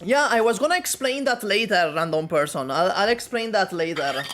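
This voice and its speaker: A woman casually commenting on a game story she is reading for the first time, chatty and animated. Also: medium pitch, moderate pace, faint music behind. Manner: animated, chatty, laughs often.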